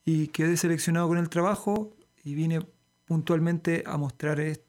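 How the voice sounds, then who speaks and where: A man from Santiago with a Chilean accent, a guest in a radio studio interview, explaining calmly and steadily. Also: fairly high pitch, normal speed. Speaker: guest theatre artist.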